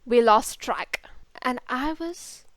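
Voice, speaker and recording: High, slow-spoken woman telling a story. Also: no room sound. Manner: dramatic, repeats words for effect. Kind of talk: storytime vlog.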